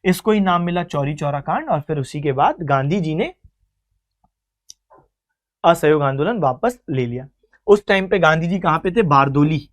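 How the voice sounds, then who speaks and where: Coaching teacher explaining exam questions. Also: medium pitch. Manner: calls students "beta" and "bachche", quizzes and explains in a storytelling way; mixes English terms into the lecture. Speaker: exam-prep history teacher. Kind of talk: online exam-coaching lecture.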